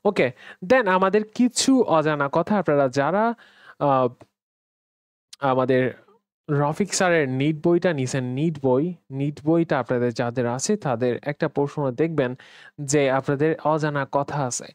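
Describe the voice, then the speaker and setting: A man's voice: a little high, smooth, no room sound. A male English grammar instructor giving a classroom lecture, drilling pronunciation and asking and answering his own questions. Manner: drills pronunciation, repeating letters slowly; mixes English words into explanations, asks and answers own questions.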